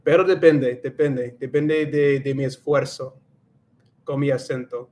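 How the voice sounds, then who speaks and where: A man with a mid-range, slightly mellow voice hosts a casual livestream, speaking at a normal pace with fairly even intonation. He thinks aloud reflectively and now and then slips into Spanish, which he is learning.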